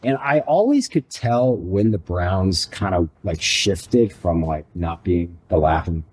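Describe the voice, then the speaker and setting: A man's voice: low voice, lively intonation, slow pace, a little mellow, husky. A man co-hosting a sports podcast, rambling and telling stories in casual chat. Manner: rambling, storytelling, full of fillers. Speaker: podcast co-host.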